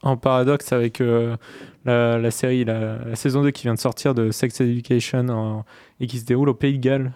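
A man's voice: mid-range voice, level tone, a little fast, darkish tone, clear, resonant tone, no echo. A man from France on a discussion panel, speaking casually in a hesitant, tentative way.

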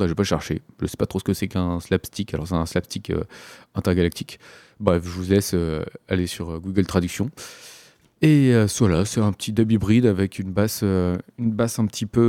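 A man's voice: lowish voice, dark tone, no echo. A man hosting a casual radio music show, hesitant and full of filler sounds, speaking into a studio microphone. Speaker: radio host.

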